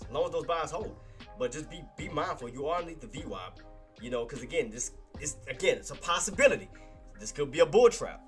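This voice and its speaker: A man with a congested nose hosts a live trading stream, casually walking through stock chart levels and repeating key points to his chat, whom he calls "boss." His mid-range voice has a fairly bright tone.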